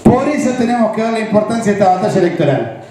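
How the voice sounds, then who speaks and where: A man's voice: high voice, expressive, quick pace, warm tone, slight background noise. A man with a Rioplatense Argentine accent giving a political analysis speech, explaining step by step and checking that his listeners follow. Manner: explanatory, asks the audience rhetorical check-in questions. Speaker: political speaker. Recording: very echoey, roomy recording.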